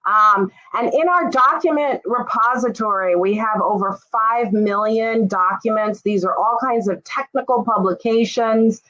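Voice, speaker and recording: A woman from Jamaica giving an informal, friendly presentation on a webinar, often pausing with "um". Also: a little high, highs cut off. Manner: friendly, relaxed, lots of "um" fillers. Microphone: video call.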